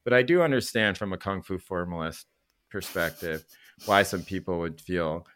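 Chatting about movies on his podcast, a middle-aged man born in Korea is opinionated, sweary and wanders through stories. His voice is low and slightly bright at a normal pace, with a bit of hiss or hum in the audio.

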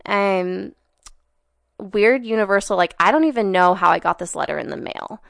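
A young woman in her twenties talks as a podcast guest, animated and loose, leaning on "like" and dropping swear words in passing. Her voice carries a gravelly fry. The sound is dry and close, with no room around it. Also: medium pitch, moderate pace, no echo. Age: 20s. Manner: chatty and animated, heavy on "like", swears casually. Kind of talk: casual chat.

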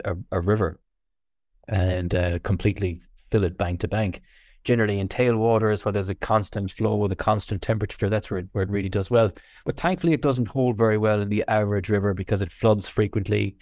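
A man with a west of Ireland accent chatting casually in an interview, halting and repeating words as he thinks. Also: low voice, darkish tone, no echo, studio quality. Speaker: fly fishing guest.

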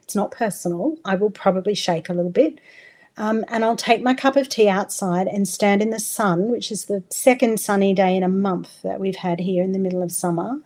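A woman's voice: medium pitch, steady tone, moderate pace, hardly any pauses, darkish tone. A middle-aged Australian woman talking candidly and expressively as a podcast guest, swearing freely. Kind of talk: podcast interview.

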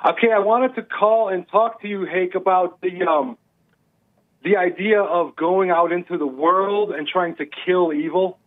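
A man's voice: high voice, steady tone, unhurried. A male caller on a speakerphone line, talking earnestly and reflectively from his own experience. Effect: phone on speakerphone. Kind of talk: call-in radio chat. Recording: tinny speakerphone call line.

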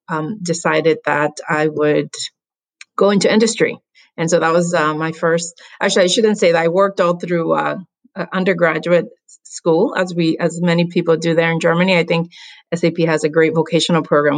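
A woman from the Dominican Republic talks over a video call. Her voice sits low, and she tells her story in an upbeat, measured way, with a few fillers along the way. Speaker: guest. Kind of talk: interview answers.

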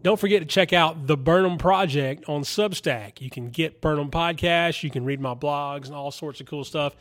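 Chatty podcast host man, fairly high voice. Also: moderate pace. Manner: chatty and rambling, thinks out loud. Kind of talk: casual podcast chat. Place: podcast studio.

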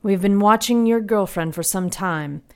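A man putting on a higher voice for a terse, cryptic informant. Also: normal speed, background noise. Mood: ominous.

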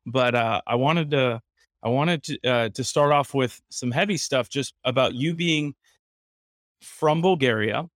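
A man's voice: mid-range voice, unhurried, a bit bright, no echo, clean studio sound. Eager podcast host man. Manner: eager, restarts often. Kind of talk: casual podcast interview.

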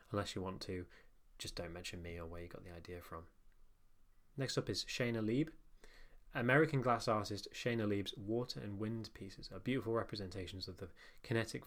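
A young man with a nasal voice reads his own newsletter aloud in a casual, wry tone, with swearing and self-mocking asides. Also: lowish voice. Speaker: newsletter narrator and podcast host.

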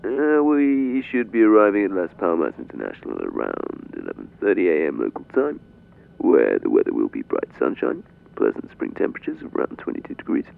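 An actor playing a heartbroken, bitter airline captain who gives calm, matter-of-fact cabin announcements in polite announcer phrasing. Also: male voice, deep voice, fairly quick, creaky, narrow, tinny audio, exaggerated voice. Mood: deadpan. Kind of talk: comic in-flight announcement.

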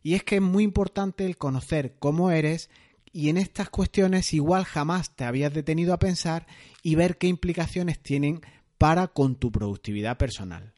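A man's voice: on the high side, normal speed, darkish tone. A man hosting a solo podcast, explaining in a conversational way with occasional fillers. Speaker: podcast host.

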